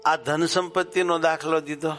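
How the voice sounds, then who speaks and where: A man telling devotional stories in a sermon, in rural colloquial speech that turns animated when he quotes characters. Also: a little high, normal speed, over music. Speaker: religious storyteller.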